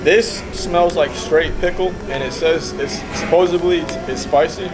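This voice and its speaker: Casting: young male challenge-vlog host, frat-bro banter, lightly raised pitch, loud music over the voice. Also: fairly even intonation, normal speed, rough recording. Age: young adult. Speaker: host of a food challenge video. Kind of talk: casual challenge vlog chat.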